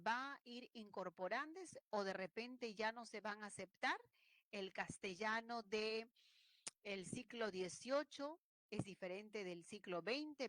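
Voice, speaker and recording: A woman's voice: mid-range voice, a bit bright, no room sound. A woman teaching an online language lesson, explaining points and acting out regional ways of speaking. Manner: explanatory, acts out regional speech examples.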